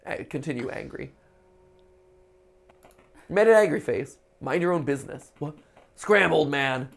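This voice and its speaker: Brief: rude young tough guy, put on by a man, snapping insults, gravelly. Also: fairly high pitch, expressive, unhurried. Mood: hostile.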